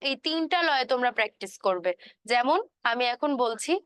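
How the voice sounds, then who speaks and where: A high-voiced woman teaches a music class, explaining patiently and singing scale notes to show them. Her voice sits close and dry with no room sound. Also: expressive, brisk, a bit bright, clean tone, dry recording. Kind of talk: online class lecture.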